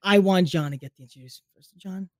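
A man's voice: high voice, fast. A man with a Brooklyn accent, chatting casually and jokingly as a podcast guest, with brash, teasing sports-fan banter. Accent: Brooklyn, New York. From Brooklyn, New York.

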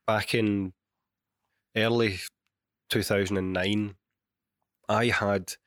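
A Scottish man in his thirties, hosting a casual solo podcast, a little hoarse and bunged up with a cold, chatty and prone to rambling asides. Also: fairly low pitch, fairly bright tone, dry recording, studio quality. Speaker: podcast host and university chemistry lecturer. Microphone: microphone.

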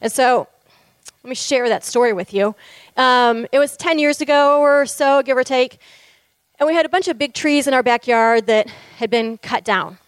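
A woman with a slightly high voice tells a church gathering the story behind her ministry, candid and heartfelt, laughing lightly now and then. The sound is dry and close, with little room echo. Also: moderate pace, clear, resonant tone. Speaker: ministry co-founder speaking to a church group. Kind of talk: heartfelt testimony talk.

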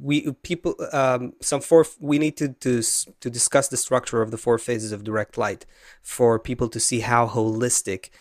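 A man teaching as an interview guest, earnest and halting, often restarting his sentences. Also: medium pitch, fairly even intonation, no room sound, studio quality. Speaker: Kabbalah teacher. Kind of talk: explanatory interview answers.

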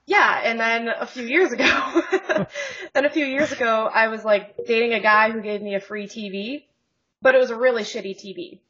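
A woman's voice: fairly high pitch, normal speed, pushed and bright, husky, highs cut off. A woman co-hosting a podcast in casual chat, joking and rambling with frequent laughs, over a video call. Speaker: podcast co-host.

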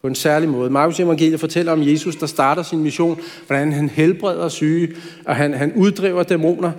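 A man with a voice on the high side and fairly even intonation gives a church sermon in a conversational manner, sprinkled with light asides. The hall echoes noticeably.

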